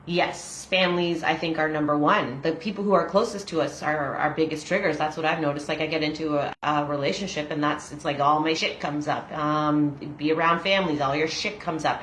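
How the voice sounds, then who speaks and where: A woman's voice: low voice, a bit bright, slight background noise. A woman in her forties hosting a casual video, reading a daily meditation aloud and chatting about her own experience with laughs and fillers. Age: 40s. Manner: chatty and self-disclosing, with laughs and frequent fillers. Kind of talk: casual reading with personal reflection. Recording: echoey room.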